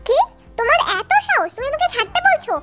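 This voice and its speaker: A woman's voice: very high-pitched, big pitch swings, quick pace, loud music behind the voice, voice pushed up. A woman voicing a stern young male teacher and husband who scolds and orders about, in a storybook reading. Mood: scolding. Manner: scolding and bossy.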